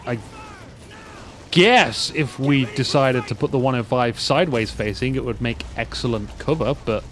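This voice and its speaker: A man's voice: mid-range voice, moderate pace. A man casually commentating a strategy war game, rambling with joking asides. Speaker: gameplay commentator. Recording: loud game gunfire underneath. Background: gunfire and vehicle noise from the game.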